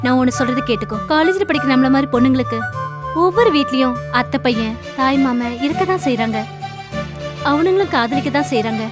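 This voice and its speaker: A quick, high-voiced college girl. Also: animated, over music. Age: young adult. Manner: forthright, lecturing. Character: spirited young college woman, devoted to her uncle. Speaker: college student. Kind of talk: Tamil film dialogue.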